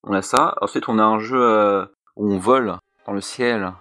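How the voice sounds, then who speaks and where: Low-voiced, hesitant young man. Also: normal speed, sharp tone. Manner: hesitant, many fillers and restarts, laid-back. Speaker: podcast co-host. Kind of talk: casual gaming podcast chat.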